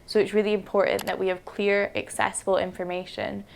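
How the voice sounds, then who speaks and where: A woman's voice: mid-range voice, little pitch movement, fairly quick, vocal fry, slight background noise. A young woman speaking articulately and persuasively in interview clips. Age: young adult. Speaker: youth forum participant. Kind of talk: interview soundbite.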